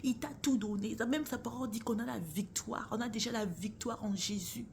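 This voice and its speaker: A woman's voice: fairly high pitch, moderate pace, vocal fry, slight background noise. A woman giving a casual, earnest faith talk straight to her viewers, calling them sister or brother and often dropping into a near whisper. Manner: earnest, addresses listener as sister or bro.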